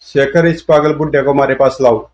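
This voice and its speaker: A man's voice: medium pitch, fairly even intonation, moderate pace, darkish tone, close to an everyday voice. A man voicing a stern barrister father who questions a stranger, in a comic storybook reading. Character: stern, puzzled father, a middle-aged barrister. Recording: dull lo-fi audio.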